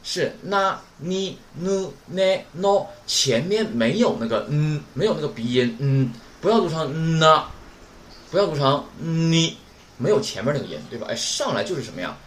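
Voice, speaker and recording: A man teaching Japanese in a recorded lesson, his pitch rising and falling in an animated way. He keeps asking his listeners questions and sounds out syllables slowly and clearly. The recording is roomy, with a faint hiss behind him. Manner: models pronunciation slowly and clearly. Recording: roomy with faint background noise.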